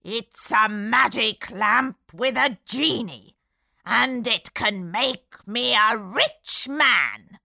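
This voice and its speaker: A woman's voice: on the high side, very slow, creaky, bright, forceful tone, no room sound, clean studio sound, exaggerated voice. A woman doing a sly old magician. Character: cunning old male magician, greedy and sly. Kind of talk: storybook read-aloud.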